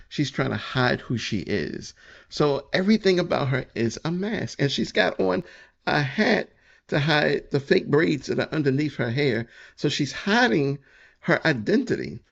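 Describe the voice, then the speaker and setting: A man's voice: on the high side, creaky, lo-fi sound. A man giving casual reaction commentary, opinionated and repeating his points.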